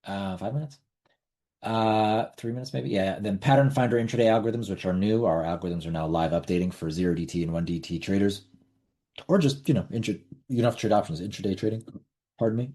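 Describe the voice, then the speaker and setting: A middle-aged man with a low, mellow voice hosts a casual online webinar into a computer mic. He talks bluntly, repeats words as he goes, and swears now and then. His delivery stays loose and conversational. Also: quick pace. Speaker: webinar host.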